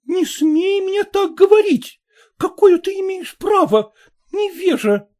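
Brief: a man playing a fretful middle-aged mother who nags and scolds, lively and mellow, storybook reading. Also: very high-pitched, measured pace, heavily acted. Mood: nagging. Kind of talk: audiobook character voice.

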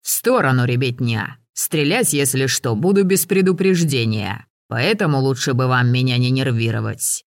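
A man voicing a gruff, sardonic old hunter who barks orders and teases. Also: mid-range voice, moderate pace, few pauses, no echo, studio quality, close to an everyday voice. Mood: barking threats.

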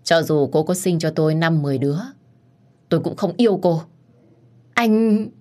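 A woman's voice: sits low, normal speed, darkish tone, natural voice. Woman doing a contemptuous angry husband, harsh delivery.

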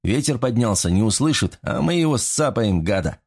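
A man voicing a confident male army driver who talks in a blunt, gruff way, in an audiobook. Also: mid-range voice, animated, moderate pace, darkish tone.

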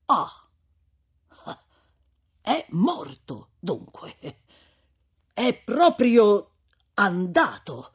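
A man's voice: fairly high pitch, expressive, slow pace, breathy edge, full character voice. A man reading an audiobook voices an older, timid, gossipy village priest who chuckles, gloats and rambles with hesitations. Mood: gloating.

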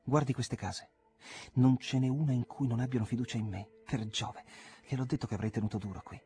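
A man's voice: mid-range voice, sing-song, normal speed, darkish tone, voice pushed up, close to an everyday voice. A man voicing an earnest, proud young man whose speech climbs into urgent, pleading outbursts in an audiobook reading.

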